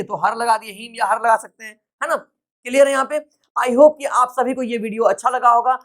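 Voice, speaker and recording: A male English teacher giving a grammar lesson, patient and repetitive, often checking that students follow and spelling out example sentences slowly word by word. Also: very high voice, fairly bright tone.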